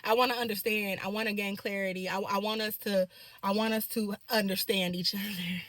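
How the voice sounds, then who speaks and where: A woman in her thirties telling viewers a personal story in a casual, animated way, talking straight to her audience. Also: medium pitch, fairly quick, no echo, clean studio sound. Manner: animated, direct address to the audience.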